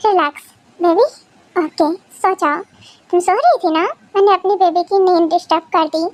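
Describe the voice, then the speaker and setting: A woman voicing a tender, emotional young husband in a fan audio drama. She speaks softly and affectionately. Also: very high voice, moderate pace, no echo. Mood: soothing.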